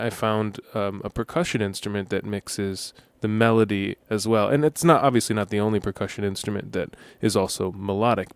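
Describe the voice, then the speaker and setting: Young guy on the radio, low smooth voice, chill, lots of ums, dry studio sound. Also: dry recording. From United States. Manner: relaxed, explains at length with many ums. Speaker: musician guest. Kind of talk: radio interview.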